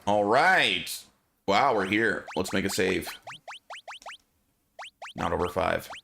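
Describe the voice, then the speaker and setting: Man with lively pitch, casual game commentary. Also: slow, vocal fry, soft background music. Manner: jokey, slangy. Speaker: video game player and commentator.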